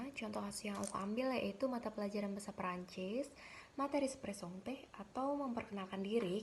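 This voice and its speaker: A woman's voice: medium pitch, a little mellow, slight background noise. A young woman presenting a course assignment, explaining a grading rubric in a chatty, slangy, upbeat way. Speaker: graduate student presenting an assignment. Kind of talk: casual explanatory lesson.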